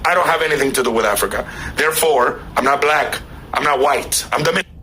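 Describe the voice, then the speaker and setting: A man speaks in firm, declarative statements. His voice is bright and forceful at a mid pitch. A faint noise runs behind the recording. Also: fast talker. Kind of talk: opinionated video monologue.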